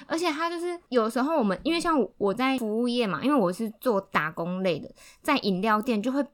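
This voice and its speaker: A woman's voice: fairly high pitch, expressive, fast. A young woman who works part-time, chatting casually on a podcast with blunt, sarcastic quips. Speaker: podcast co-host. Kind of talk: casual chat.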